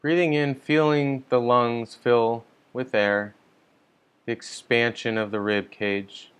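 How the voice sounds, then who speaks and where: A man leading a guided meditation online, giving calm, gentle, unhurried instructions. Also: medium pitch, smooth. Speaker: meditation teacher. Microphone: online stream mic.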